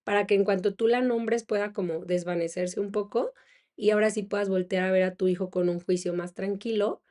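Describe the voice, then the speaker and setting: A woman in her thirties, a psychologist, talks through a parenting topic in a relaxed, reflective way. Her voice is warm and mellow, at a middle pitch for a woman. She pauses on fillers and lets small laughs slip in. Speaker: psychologist and podcast host. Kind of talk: casual monologue on parenting.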